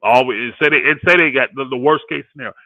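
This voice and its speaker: Quick, bright and forceful, this mid-range male voice belongs to a fifty-year-old guest co-host commenting on sports for a livestream panel. He keeps it casual but emphatic, repeating phrases for effect; the audio is thin and phone-like with no room sound.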